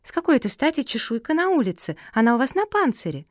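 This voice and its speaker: A woman putting on a tiny, sharp-witted chihuahua from a storybook, her voice lifted higher. She talks brisk and cheeky and does not back down. The recording is dry. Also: very animated, no room sound. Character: small, bold, clever female chihuahua.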